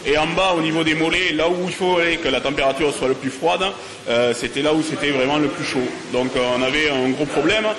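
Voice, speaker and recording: A man in his thirties explains things in an interview with a slightly high voice. The tiled room echoes clearly, with voices behind him. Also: fairly quick, a crowd in the background. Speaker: inventor being interviewed. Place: tiled locker-room shower area.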